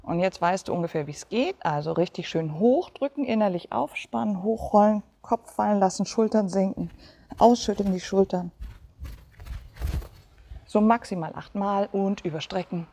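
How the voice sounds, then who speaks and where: A woman leading a guided movement session as a coach, giving calm step-by-step cues and counting repetitions. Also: medium pitch, normal speed, creaky. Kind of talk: guided exercise instruction.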